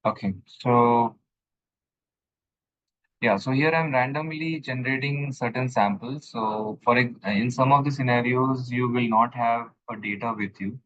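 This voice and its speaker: A man's voice: medium pitch, unhurried, fairly bright tone, muffled recording. A male instructor explaining statistics step by step in a screen-share lesson recording, often checking that his student follows.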